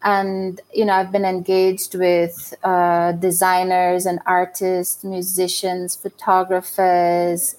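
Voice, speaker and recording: With a slightly mellow voice on the low side, a middle-aged Guyanese woman answers interview questions conversationally, explaining things thoughtfully.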